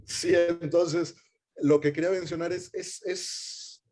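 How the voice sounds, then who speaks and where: A man's voice: on the high side, level tone, slow, darkish tone. A man in a webinar, explaining data science at length with many fillers and restarts.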